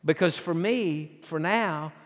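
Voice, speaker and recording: A man's voice: fairly high pitch, slow pace. A man preaching a sermon as pastor, earnest and repeating phrases for emphasis. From southern United States. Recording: long hall reverb.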